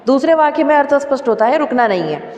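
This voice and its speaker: A higher-voiced woman teacher works through a grammar lesson, repeating each example and asking her students questions. Her voice rings in an echoey room with a long reverb tail. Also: animated, fast talker, a little mellow. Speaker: school teacher.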